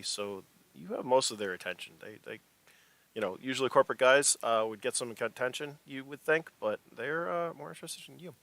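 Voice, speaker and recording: Bright-voiced male game master. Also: medium pitch, no echo. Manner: rambling, many fillers and restarts. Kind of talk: narrating a tabletop game.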